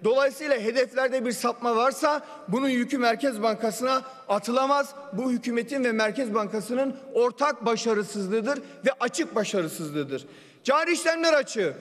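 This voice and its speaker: A man giving a parliamentary budget speech into a podium microphone, assertive and firing pointed rhetorical questions. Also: extremely high pitch. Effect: speaking into a podium microphone. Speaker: member of parliament. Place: parliament general assembly hall. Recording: long reverb of a large chamber.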